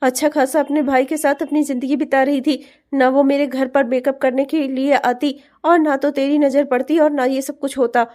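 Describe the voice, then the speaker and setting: A woman's voice: high-pitched, level tone, normal speed, hardly any pauses, darkish tone, natural voice. A woman voicing a conscience-stricken young male friend in a cartoon, earnest and scolding. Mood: guilty. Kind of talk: cartoon voice acting.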